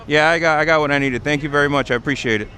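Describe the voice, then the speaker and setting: With a slightly high, sharp voice, a man talks in rapid-fire fashion while hosting a casual livestream on a city street. He explains things conversationally, with the sound of traffic, passing vehicles, and urban ambience in the background.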